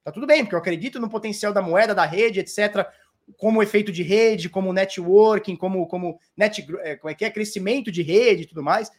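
A man's voice: sits high, fairly quick. A man in his thirties from Brazil talking casually to viewers about crypto, rambling and swearing freely. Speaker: crypto commentator.

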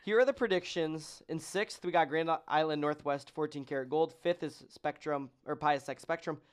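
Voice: mid-range voice, moderate pace, clean tone. A podcast host in casual chat, joking and running through long lists of results with many ums.

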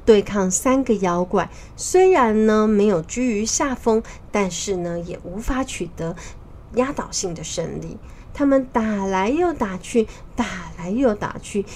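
A woman telling a children's story as a mother, in a lively, sing-song way with drawn-out endings. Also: on the high side, a little hiss or hum.

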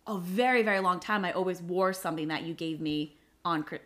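A woman in her late twenties hosts a casual podcast chat, her fairly low, slightly bright voice moving quickly. She talks loosely and chattily, dropping "like" constantly.

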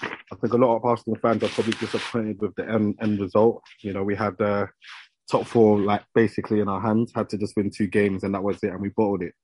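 Husky young London roadman chatting. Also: fairly low pitch, little pitch movement, fast, darkish tone, no room sound, rough recording. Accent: London, urban roadman slang. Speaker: football podcast panellist. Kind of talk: casual chat.

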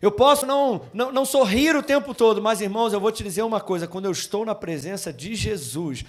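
A young man preaching a Christmas sermon in a church, moving from chatty personal stories to loud, emphatic preaching to the congregation. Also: high-pitched, quick pace. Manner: addresses congregation as brothers. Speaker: pastor.

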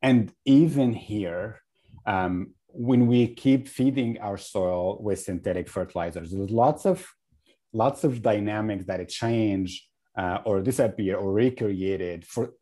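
A man from Egypt, a guest in a podcast interview, speaking in a halting way with many fillers and restarts. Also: lowish voice, mellow. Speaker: guest, regenerative agriculture advocate.

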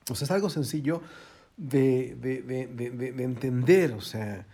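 A man's voice: medium pitch, measured pace, dark tone. A man preaching casually, folksy and joking, acting out little quoted voices. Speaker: pastor.

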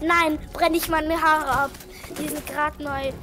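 A woman co-hosting a casual gaming chat, excitable and playful. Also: high-pitched, measured pace.

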